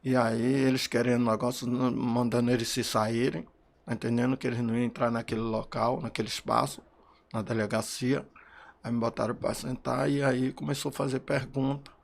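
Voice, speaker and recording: A man, a grieving father, telling what happened in halting, repeated phrases while emotional. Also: medium pitch, little pitch movement, gravelly. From Brazil. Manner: halting, repeating phrases, voice rising when recalling shouts. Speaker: bereaved father interviewed. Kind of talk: emotional testimony.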